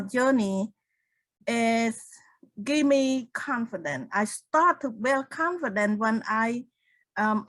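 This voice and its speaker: Slow Cambodian-accented older woman. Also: fairly high pitch, fairly bright tone, dry recording, rough recording. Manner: unhurried, with restarts and non-native grammar. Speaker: guest, speaker and author. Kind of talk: interview answers.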